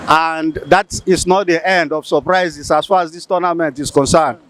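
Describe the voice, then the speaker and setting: Measured fan analyzing a match. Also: male voice, a little high, steady tone, a bit bright. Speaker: football fan.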